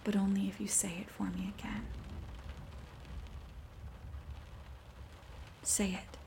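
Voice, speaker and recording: A woman playing a seductive, teasing, dominant neighbor in an ASMR role-play, breathy and coaxing, speaking intimately right in the listener's ear. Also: mid-range voice, slight background noise, natural voice. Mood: coaxing, commanding. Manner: intimate soft-spoken right in your ear; slow, coaxing, breathy delivery.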